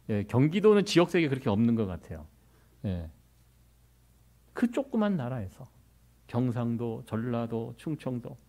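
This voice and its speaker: A man's voice: mid-range voice, a little mellow. A middle-aged man from Korea, preaching a sermon as pastor in a conversational way, with many rhetorical questions to the congregation.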